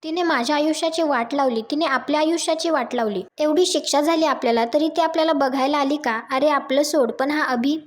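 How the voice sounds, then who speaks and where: A woman reads the lines of a bitter, scheming woman who is facing jail and vows revenge, using a plain, high recap voice. She reads fairly quickly with hardly any pauses, acting it only lightly.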